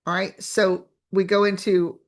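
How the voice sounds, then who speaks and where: Gravelly-voiced woman coaching a live class. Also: mid-range voice, level tone, a little slow. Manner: chatty, repeats and restarts phrases, asks rhetorical questions. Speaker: business coach. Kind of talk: live online training.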